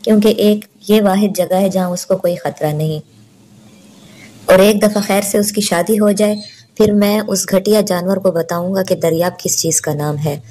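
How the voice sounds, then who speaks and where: A woman's voice: medium pitch, steady tone, moderate pace, warm tone, lightly acted. A woman voicing a stern, protective young man, the elder brother, in a storybook reading, speaking curtly and giving orders. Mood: firm.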